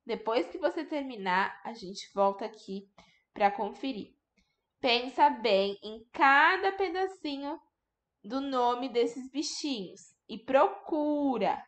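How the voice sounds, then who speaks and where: Slow, high-voiced woman teacher sounding out syllables. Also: expressive, a bit bright. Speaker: primary school teacher. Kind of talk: recorded remote lesson for young children.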